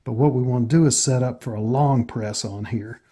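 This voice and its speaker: Acting as a tutorial host, an American man talks through a set of instructions. He has a medium-pitched, husky voice with soft edges and a dark, relaxed tone, and he keeps things casual and matter-of-fact, pausing between steps.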